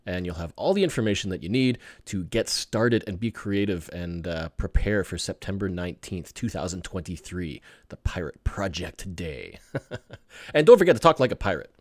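A man hosting a hobby podcast, chatting in a relaxed, rambling way with filler words and small chuckles. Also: low voice, moderate pace, no room sound, studio quality. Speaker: podcast host. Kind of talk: casual podcast chat.

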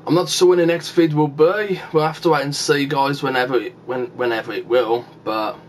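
A man's voice: mid-range voice, fairly even intonation, brisk, slight background noise. A man vlogging casually with his mouth full of sour candy, talking to his viewers in a rambling way through a handheld camera. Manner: rambling and chatty, often addressing viewers as guys. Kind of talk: casual vlog chat.

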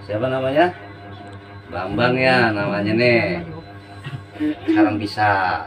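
A man's voice: on the low side, takes it slowly. A man, a spiritual practitioner, giving short, repeated coaxing commands during a live demonstration. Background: background music.

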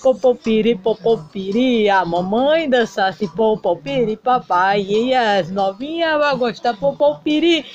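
Woman acting as a male doll singer, melodramatic, sing-song, slow drawl, dull lo-fi sound. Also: on the high side, darkish tone, soft background music, close to an everyday voice. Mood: showy singing. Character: heartbroken male doll singer, showy bandleader. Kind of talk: toy doll play-acting.

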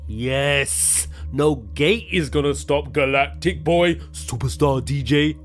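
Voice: mid-range voice, slow pace, faint music behind, close to an everyday voice. An actor playing a bumbling, boastful boy superhero DJ in a children's audio drama, dramatic and exclaiming. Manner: dramatic, exclaiming, self-important.

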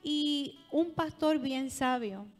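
Fervent high-voiced Puerto Rican woman preaching. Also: slow. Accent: Puerto Rican Spanish. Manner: fervent, swinging between loud calls and soft asides. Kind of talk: sermon. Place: large hall at a church convention. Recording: long hall reverb with faint music.

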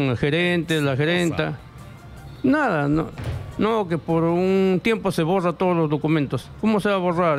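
This is a middle-aged man from Peru with a rough, gravelly voice that sits slightly high. He speaks into a studio microphone with headphones on, halting and circling back, and acts out the words of lawyers and officials. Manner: halting, repeats himself, acts out dialogue. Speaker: interviewee reporting bank fraud. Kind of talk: emotional testimony in a radio studio. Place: radio studio. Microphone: studio mic with headphones.

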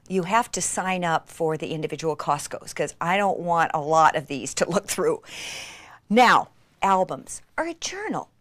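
A woman presents a craft demonstration, gushing excitably and dropping emphatically into a breathy near-whisper. Her pitch is medium, and there's no echo.

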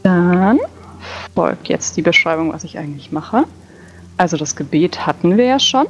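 A woman's voice: fairly low pitch, lively intonation, normal speed, noisy background. A woman narrating her character's actions and working through rules as a player in a tabletop role-play. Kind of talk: casual game narration and rules talk. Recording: dull lo-fi mic over background music.

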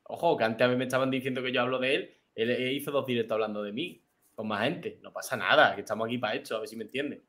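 A man hosting a live chat, agreeable and quick to chime in. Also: medium pitch, steady tone, fairly bright tone. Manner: agreeable, interjects often. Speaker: host. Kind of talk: casual live chat moderation.

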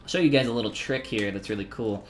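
A man's voice: on the low side, fast talker, faint music behind. Chatty man streaming a sculpting lesson. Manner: chatty, joking, reads chat aloud while working. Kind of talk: casual live-stream tutorial chat.

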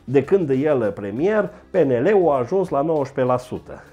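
A man doing a mocking satirical comedy monologue, jumping into high mock voices. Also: very animated, mellow, lo-fi sound.

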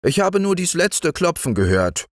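A man voicing a defiant, scolding farmer's wife with a shrill, quick delivery. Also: a bit bright, no echo, clean studio sound, lightly acted.

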